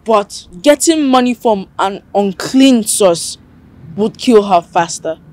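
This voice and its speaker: A calm, cold accuser. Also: female voice, mid-range voice. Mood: accusing. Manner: measured, accusing.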